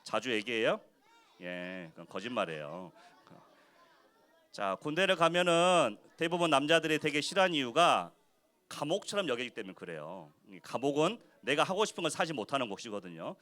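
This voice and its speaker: A man giving a children's sermon as pastor in church, animated and constantly asking the kids questions. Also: mid-range voice, moderate pace. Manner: acts out quoted speech in short voices. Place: church worship service for children.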